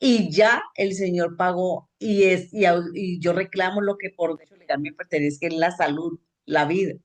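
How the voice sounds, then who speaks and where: A woman's voice: fairly low pitch, normal speed. Earnest woman, fervent devotional talk. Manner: earnest, fervent, speaks in prayer to God. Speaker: co-host of a devotional program. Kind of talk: devotional testimony.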